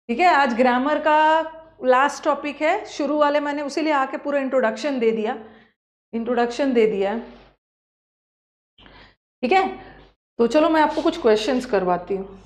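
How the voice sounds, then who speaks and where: A woman's voice: sits high, roomy sound. A woman teacher giving a chatty, teasing online grammar lesson, spelling sounds out aloud and repeating them.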